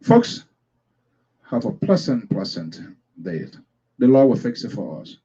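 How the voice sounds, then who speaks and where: A man's voice: mid-range voice, big pitch swings, unhurried, warm tone, husky. Emphatic male host, lo-fi sound. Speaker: program host. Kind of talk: broadcast commentary. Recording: dull lo-fi sound.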